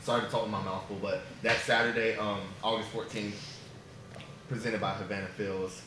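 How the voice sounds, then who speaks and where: A low-voiced man chats casually as a guest. He sounds easygoing and chuckles often. The room is echoey, with clear noise behind him. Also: little pitch movement, brisk. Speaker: guest, event organizer. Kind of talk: casual chat.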